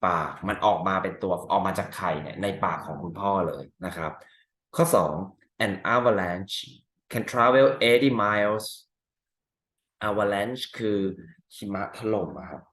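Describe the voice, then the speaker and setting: A male teacher walking through exam answers step by step, asking rhetorical questions and reading example sentences slowly. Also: fairly low pitch, animated, a bit bright, echoey room. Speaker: English teacher. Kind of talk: exam answer walkthrough lesson.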